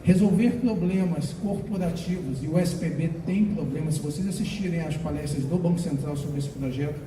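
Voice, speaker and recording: Guy on a conference panel, kinda high voice, echoey room, far from the mic, noisy. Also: fairly quick. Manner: hesitant, many fillers. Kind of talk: panel talk. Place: conference hall.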